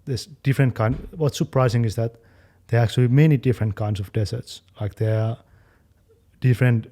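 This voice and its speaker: A young man chatting casually as a fitness channel co-host, talking quickly and loosely, with many fillers. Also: mid-range voice, fairly even intonation, warm tone. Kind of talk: casual chat.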